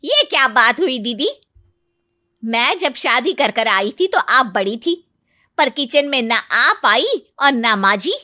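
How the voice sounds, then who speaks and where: A woman voicing a sharp-tongued, scolding middle-aged aunt-in-law in a cartoon story, loud and taunting. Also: high-pitched, expressive, takes it slowly, no room sound, clean studio sound, pitched above the performer's own voice, exaggerated voice.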